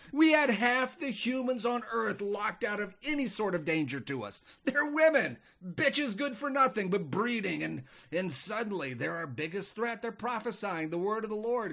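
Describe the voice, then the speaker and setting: Man doing a stammery griping demon, high pitched and real lively. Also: full character voice. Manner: stammering, agitated complaining. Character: Abaddon, frantic griping male demon.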